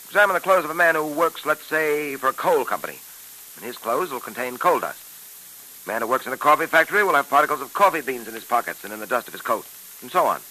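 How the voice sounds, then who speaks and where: A man playing a calm, clever police detective on an old radio show, explaining things patiently and with self-assurance. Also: mid-range voice, fast talker, low-quality recording. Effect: old radio show broadcast. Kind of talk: 1940s radio acting.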